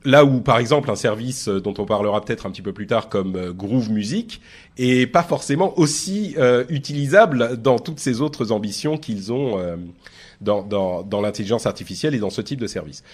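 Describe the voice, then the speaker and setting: A man's voice: mid-range voice, normal speed, slightly rough. Chatty male tech podcast host. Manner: hesitant, many fillers and restarts, animated. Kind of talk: casual tech discussion.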